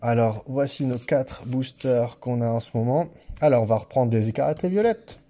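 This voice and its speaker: Mellow and medium-pitched, this card-opening channel host speaks at a moderate pace from an office, casually walking viewers through opening packs. He sounds hesitant, repeats himself, has a slight stammer and a non-standard French accent, and chats directly with viewers often.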